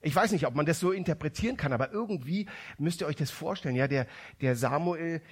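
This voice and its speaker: A man's voice: on the high side, lively intonation, fast talker, breathy edge. A man preaching a sermon, retelling a story conversationally with frequent restarts.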